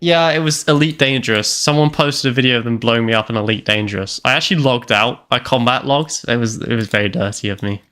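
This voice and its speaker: A man's voice: medium pitch, quick pace, hardly any pauses, a bit bright, clean tone. A young man in his twenties from Canada with a British accent, chatting and teasing his teammate while streaming a game. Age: 20s. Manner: playful, teasing, laughs often. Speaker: streamer host. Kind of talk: casual gaming chat.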